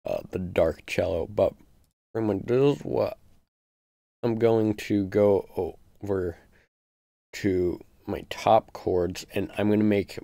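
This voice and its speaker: A man with a deep voice that has a gravelly, fry-laden edge, walking through a beat on a live stream. He talks casually and rambles, with plenty of ums. The sound is close and dry, with no room echo. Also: steady tone, takes it slowly, dark tone. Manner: casual, loose explanations with many fillers. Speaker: music producer.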